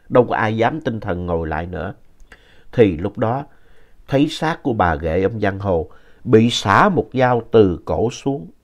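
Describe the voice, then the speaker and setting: Male ghost story narrator, southern Vietnamese, colloquial and lively, dull audio. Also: lowish voice. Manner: chatty and colloquial.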